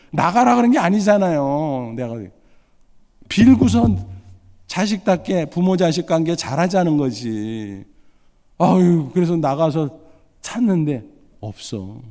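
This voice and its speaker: A middle-aged man preaching a sermon, telling a family story with lively, acted-out lines. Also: a little high. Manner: animated storytelling, acting out his own lines. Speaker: pastor. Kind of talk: sermon with personal anecdote. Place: church sanctuary. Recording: reverberant hall.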